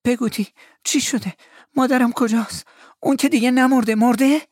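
A panicky young boy from an audiobook tale, put on by a male narrator, his voice pushed up very high and pleading. It sounds strained and urgent. The recording is close and dry, with no room sound. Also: steady tone, darkish tone, dry recording. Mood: panicked.

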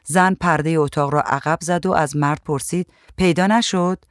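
A man reading a short story aloud in a calm, even narrating voice. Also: fairly high pitch, clean tone, no room sound, studio quality.

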